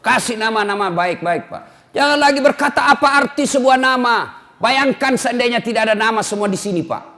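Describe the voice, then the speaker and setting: A man preaching a humorous sermon, animated and joking, acting out little dialogues. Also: very high voice, a little fast. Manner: animated, jokes and acts out dialogue.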